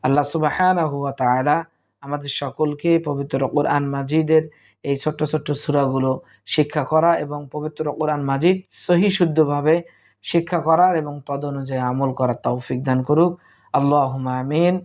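A man teaching Quran reading, spelling out each letter and vowel mark and then chanting the joined word slowly. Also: fairly high pitch, steady tone, a little mellow. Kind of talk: slow spelling-out recitation lesson.

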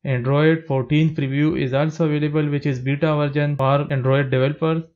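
A man with a slightly raised pitch gives calm, step-by-step instructions in a plain, steady tone. His voice-over is recorded with a dull, lo-fi sound. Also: fairly quick. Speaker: tech tutorial narrator. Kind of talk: scripted step-by-step narration.

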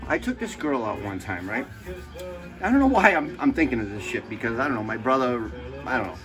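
A man with a medium-pitched, sing-song voice talks a little fast over music, and the audio is poor. On his casual cooking show he cooks while rambling, joking, swearing freely and slipping into stories.

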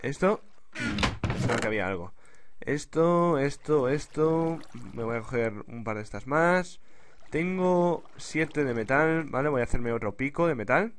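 A man giving casual Let's Play commentary, chatty and quick to exclaim, repeating words when things get tense. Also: medium pitch, expressive. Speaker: gaming YouTuber. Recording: clear background noise with clicks.

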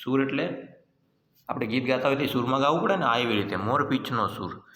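A male teacher reads a poem slowly and patiently explains it to young pupils. His voice is bright and clear. It rings in an echoey room with a long reverb tail. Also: medium pitch, lively intonation. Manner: slow, patient recitation and explanation. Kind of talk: explaining a school poem to children.

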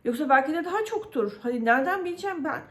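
A woman from Turkey tells her story to the camera in a casual vlog, her voice sitting a little high. She vents her frustration, stopping often on fillers and acting out what others said to her. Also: lively intonation, rapid-fire, fairly bright tone. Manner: venting frustration, many fillers, quotes others. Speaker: vlogger.

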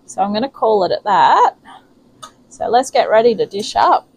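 Medium in pitch and very animated, this woman talks at normal speed in a slightly rough recording. She hosts a home cooking channel from New Zealand, chatting homely and casual while narrating her steps aloud, with the camera mic off to the side of the kitchen.

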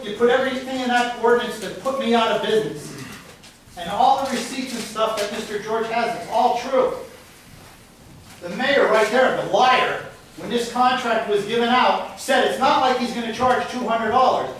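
Speaking during public comment, a furious middle-aged citizen berates the city council, loud and accusing, even hurling insults. He talks at a normal speed in a very high-pitched voice. The clip comes from a distant handheld camera in the audience, so the big indoor chamber sounds echoey, with faint noise.

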